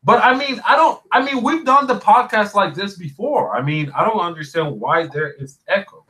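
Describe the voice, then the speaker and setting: Guy hosting a gaming stream podcast, super excitable, kinda high voice, lots of dude and bro. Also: moderate pace, rough recording. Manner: excitable, chatty, says dude and bro a lot. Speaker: podcast host. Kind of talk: casual livestream chat.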